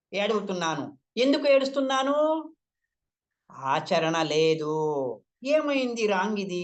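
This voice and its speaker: A man's voice: high voice, a bit bright. Older man, emotional meditation testimony. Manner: emotional, repeats words, voice rises when quoting others. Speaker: meditation teacher sharing his experience. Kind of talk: personal testimony talk.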